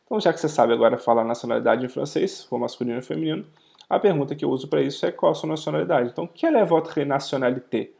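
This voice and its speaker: Speaking with a Brazilian Portuguese accent, this man teaches French live online in careful steps, frequently asking "ok?" and slowing for French pronunciation. His pitch is on the high side, a little mellow, with some vocal fry.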